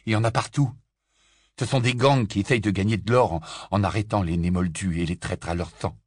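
A man's voice: lowish voice, fairly even intonation, a little fast, darkish tone, slightly rough, no echo, studio quality. A man voicing a sheepish, stammering teenage boy wizard who sometimes bellows back. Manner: stammering, apologetic, then bellowing.

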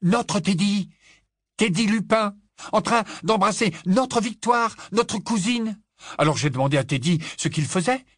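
A man voicing an excited, breathless schoolboy who stumbles over his words in an audiobook reading. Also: high-pitched, moderate pace, voice pushed up. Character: excited schoolboy, eager big brother. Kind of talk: audiobook character voice.

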